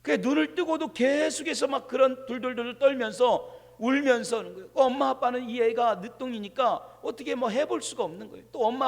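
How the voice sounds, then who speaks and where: Male pastor, high voice, dynamic sermon delivery with long church reverb. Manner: dynamic, shifting from hushed asides to loud proclamations. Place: church sanctuary.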